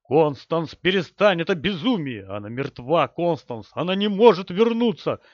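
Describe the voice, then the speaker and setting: A frightened middle-aged husband yelling for his wife to stop, loud and urgent, played by a man reading the story. The voice sits a touch high. The sound is close, dry and lo-fi. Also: very animated, moderate pace, dry recording.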